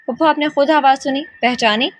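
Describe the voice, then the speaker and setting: A woman voicing a stern young husband who is growing tender, in a soft, firm storybook reading. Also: high voice, fairly even intonation, a little hiss or hum, voice pushed up, natural voice.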